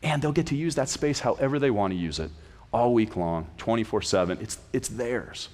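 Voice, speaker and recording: Lively pastor preaching in a reverberant hall. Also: male voice, mid-range voice, normal speed. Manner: animated, casual, restarts phrases. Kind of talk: conversational sermon. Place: church sanctuary.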